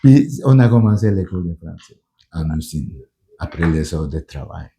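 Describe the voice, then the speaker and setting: Speaking French, which isn't his first language, a middle-aged pastor and union leader gives an earnest documentary interview about his story. His low, warm voice is expressive at normal speed, though he restarts hesitantly and repeats words.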